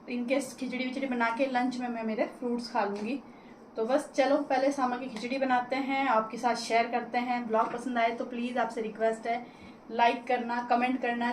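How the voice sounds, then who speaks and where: A talkative woman, speaking straight to her viewers in a home vlog. Her voice sits a little high, and it bounces around an echoey room with a faint hum of ambience behind her. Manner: chatty, addresses viewers directly. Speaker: vlogger. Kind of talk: casual home vlog chat.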